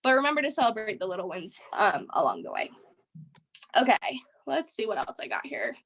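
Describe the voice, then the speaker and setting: A woman's voice: mid-range voice, wildly swooping pitch, a little fast, vocal fry, fairly bright tone, husky. A young woman leading a team training call, giving a casual motivational talk with a chatty, rambling way of speaking full of "like" and "um". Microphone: video call.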